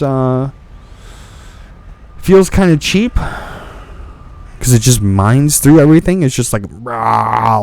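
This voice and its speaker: Young male gaming host, unhurried, annoyed, profane commentary over a dry close mic. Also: fairly high pitch, a little mellow, no room sound. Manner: frustrated, repetitive restarts, swears often. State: hiccups. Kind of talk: ranting game commentary.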